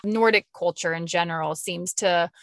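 A woman's voice: lowish voice, normal speed, no room sound, studio quality. A woman hosting a podcast interview, chatty and enthusiastic with her guest. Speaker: podcast host.

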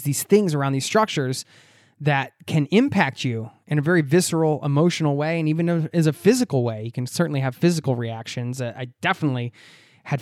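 An American man hosting a travel podcast, speaking in a reflective, animated way with occasional laughs. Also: mid-range voice, no room sound, studio quality. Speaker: podcast host. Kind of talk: podcast interview.

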